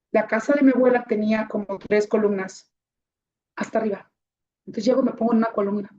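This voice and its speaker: A woman's voice: on the high side, dark tone, slight background noise. A woman telling her life story to an audience in an emotional testimony, repeating key phrases for emphasis. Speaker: speaker sharing her life story, founder of a child-protection association. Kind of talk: personal testimony talk to an audience. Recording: dull, muffled recording.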